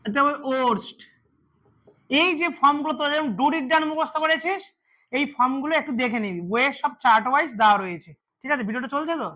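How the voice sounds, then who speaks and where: A man teaches an English grammar lesson to a class, repeating words and quizzing students along the way. His voice is very high-pitched, pushed and bright.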